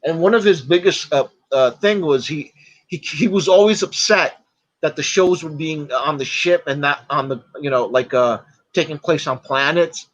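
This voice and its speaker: A man chatting as a podcast guest, retelling stories in a halting way, full of fillers and restarts. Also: fairly high pitch, a bit bright, dull audio. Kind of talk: casual podcast chat.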